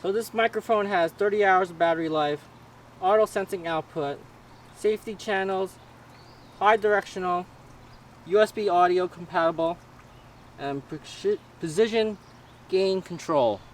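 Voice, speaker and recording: A man giving a casual product review in a halting, informal way, stumbling over words now and then. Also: high-pitched. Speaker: gear reviewer. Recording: noisy raw camera-mic audio with ambience.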